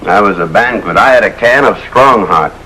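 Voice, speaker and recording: An actor playing a harried middle-aged suburban father in a 1950s sitcom, talking in a pleading, lively way. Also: fairly low pitch, moderate pace, breathy edge, exaggerated voice, poor audio. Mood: earnest. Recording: old TV soundtrack with faint hiss.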